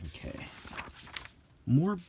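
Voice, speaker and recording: A middle-aged man speaks extremely slowly against a noisy background while browsing game books for his vlog. His unscripted, casual chatter carries nostalgic asides and mild grumbling, producing unintentional ASMR.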